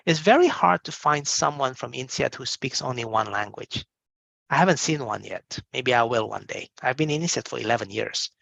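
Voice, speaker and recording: A man's voice: medium pitch, gravelly, a bit bright, no echo. A man from a business school's admissions side, answering interview questions in an emphatic, conversational way and often checking in with "right?". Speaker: admissions representative.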